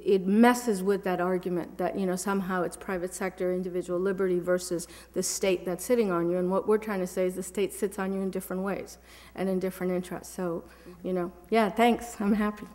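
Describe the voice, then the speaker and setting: A woman's voice: mid-range voice, a little mellow. A woman panelist and organizer answering an audience question with chatty enthusiasm. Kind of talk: panel answer, casual speech. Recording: reverberant hall.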